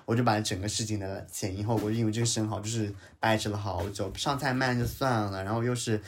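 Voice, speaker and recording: A man's voice: lowish voice, fairly even intonation, fast, slight background noise. A man telling a story in a casual chat, heated and ranting, with English words mixed in. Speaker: podcast co-host telling a story.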